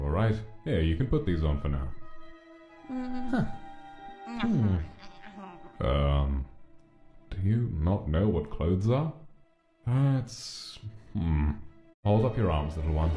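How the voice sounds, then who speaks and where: A man voicing a patient, fatherly king with a British accent, gently coaxing and guiding. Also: low-pitched, very animated, takes it slowly, pauses often, heavily acted. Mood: gentle. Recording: roomy echo, music underneath.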